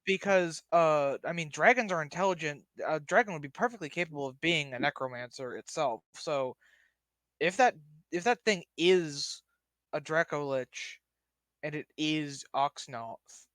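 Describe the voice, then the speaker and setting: A man's voice: on the high side, a little slow, a bit bright, dry recording. A man playing a tabletop role-playing game, casually reasoning aloud in a hesitant, rambling way.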